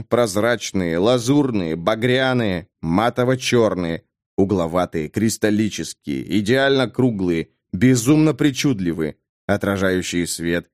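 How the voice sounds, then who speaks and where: A man narrating a fantasy audiobook with expressive, dramatic reading. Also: medium pitch, dry recording, clean studio sound. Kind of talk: scripted narration.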